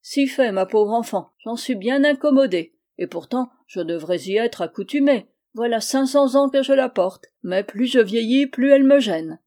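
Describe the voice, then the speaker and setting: Une femme qui prête sa voix à un minuscule vieillard barbu, enchanté depuis des siècles, bienveillant et insistant, dans un conte lu à voix haute. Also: female voice, on the high side, animated, moderate pace, hardly any pauses, dark tone, natural voice. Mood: eager. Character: tiny very old bearded man, enchanted, kindly.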